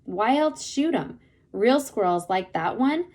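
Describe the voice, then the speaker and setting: A woman's voice: fairly high pitch, animated, unhurried, a little mellow, voice pushed up. A woman voicing a friendly, talkative country boy from Arkansas with a folksy Southern drawl. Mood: eager.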